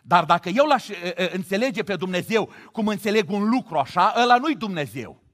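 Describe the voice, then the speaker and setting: A middle-aged man from Romania delivers a sermon in a slightly high voice. His pitch leaps about as he swings between hushed, reflective asides and loud, exclamatory proclamations. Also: lively intonation. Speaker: preacher.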